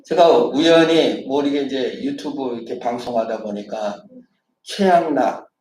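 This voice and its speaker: A man preaching a Sunday sermon as pastor, animated and acting out quarrels in different voices. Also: medium pitch, a little slow, slight background noise. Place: church sanctuary. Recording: roomy church sound, distant mic.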